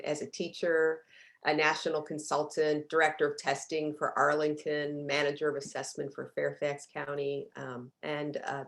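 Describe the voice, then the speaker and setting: A woman, an author and writing coach, introducing herself on a panel in a brisk, list-like way. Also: sits low.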